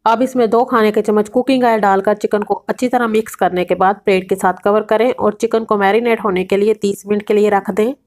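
A woman, narrating a cooking recipe as the channel host, giving calm step-by-step instructions with exact measurements. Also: medium pitch, a little fast, few pauses.

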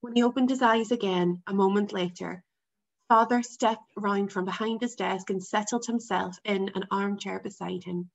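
A woman's voice: medium pitch, fairly even intonation, normal speed, gravelly. Woman reading a novel aloud. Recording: dull lo-fi recording.

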